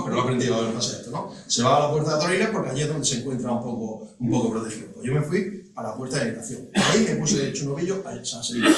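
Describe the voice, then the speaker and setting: A middle-aged man recounts a personal story at a panel talk. He halts, restarts and adds asides as he goes. He sits far from the mic in a large hall that rings with echo. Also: mid-range voice. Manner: halting, with many restarts and asides. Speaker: guest speaker at a panel talk. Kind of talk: personal storytelling to a live audience.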